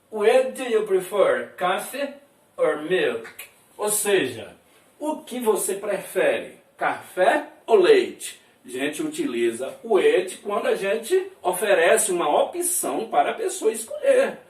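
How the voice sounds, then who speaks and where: High-pitched and slow, with big swings in pitch, this Brazilian English teacher walks students through word meanings. He says each phrase twice and checks in often. The recording comes from a distant mic in a room full of echo.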